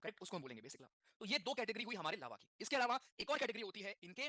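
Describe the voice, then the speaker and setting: A man teaching a class, talking in a quick mix of Hindi and English, repeating key terms and asking the students questions. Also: high-pitched, big pitch swings, bright, forceful tone, dry recording, clean studio sound. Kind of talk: classroom lecture.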